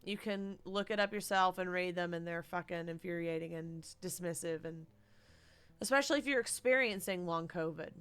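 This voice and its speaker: A woman's voice: fairly low pitch, normal speed, a bit bright, smooth. A woman live-streaming from her living room, ranting in an exasperated way and swearing often. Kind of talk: casual live-stream commentary.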